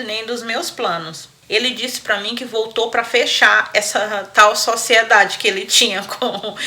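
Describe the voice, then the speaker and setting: A woman hosting a storytelling show, retelling a listener's story with animated, chatty asides and frequent laughter. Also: medium pitch. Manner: animated, laughs often, talks to listeners as friends. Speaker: storyteller host.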